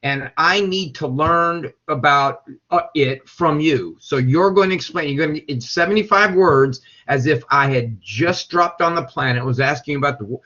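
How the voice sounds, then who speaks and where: A man's voice: on the high side, normal speed, few pauses, sharp tone. A man teaching a class, rambling with many repeated words and checking whether his students follow. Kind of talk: classroom lecture. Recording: dull lo-fi classroom recording.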